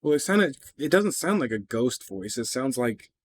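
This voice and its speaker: A man's voice: mid-range voice, very animated, moderate pace, soft background music. A man hosting a reaction video, chatting casually with skeptical asides and the odd swear word.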